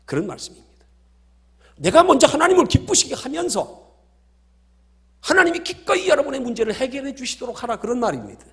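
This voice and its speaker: A man's voice: extremely high pitch, sing-song, a little fast, long pauses, fairly bright tone. A male pastor preaching a sermon, emphatic and full of stories.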